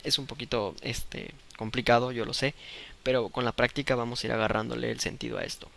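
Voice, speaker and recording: With a creaky, bright and forceful medium-pitched voice, a man talks a little fast in a level tone. He's teaching chemistry, walking students through each step patiently and checking their understanding with "¿de acuerdo?".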